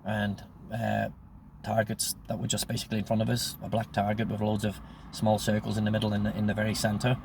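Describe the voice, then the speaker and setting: Brisk and completely flat, with vocal fry in his lowish voice, a sixty-year-old man from Northern Ireland rambles through personal anecdotes over a noisy background. Speaking with his native accent, he acts out conversations he recalls.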